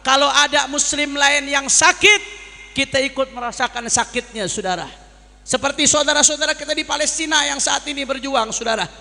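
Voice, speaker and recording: A man from Jakarta, Indonesia, preaches a sermon to a congregation as an impassioned Islamic preacher, relying on repetition and rhetorical questions. His voice is very high-pitched, a little fast, gravelly, pushed and bright, echoing in a large hall.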